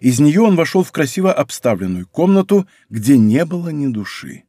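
A man narrating a historical adventure novel in a measured, even storytelling manner. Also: fairly high pitch, no echo, clean studio sound. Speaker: audiobook narrator. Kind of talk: scripted literary narration. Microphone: close studio microphone.

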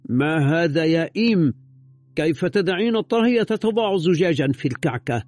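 A man voicing a blustering elderly colonel who speaks in slow, indignant exclamations. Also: medium pitch, animated, gravelly, dark tone, breathy edge, faint music behind, pitched above the performer's own voice, heavily acted.

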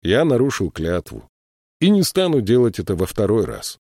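A stubborn little male troll, voiced by a male narrator in an audiobook, calm, firm and wry. The voice sits a little raised and moves a lot, recorded close and dry. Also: fairly low pitch, moderate pace, dry recording, voice pushed up. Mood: resolute. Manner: calm, firm, quietly resolute.

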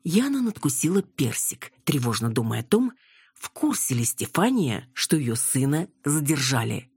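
A woman reading a novel aloud as audiobook narrator, in an expressive way. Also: low voice, moderate pace, slightly rough, no echo, clean studio sound. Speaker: audiobook reader. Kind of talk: scripted narration.

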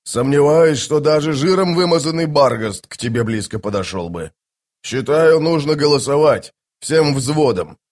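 A man voicing a loud, crude male sapper in an audiobook, drawling and rowdy. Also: fairly high pitch, lively intonation, normal speed, natural voice. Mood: mocking.

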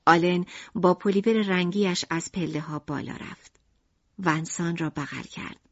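A woman narrating an audiobook in an expressive storytelling manner. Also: fairly low pitch. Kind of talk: scripted narration. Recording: dull lo-fi audiobook recording.

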